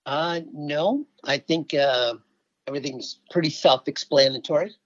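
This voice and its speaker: Here a middle-aged environmental activist from Alaska talks conversationally as an interview guest, with a fairly high voice and a measured pace. The recording is dry, lo-fi, and somewhat dull.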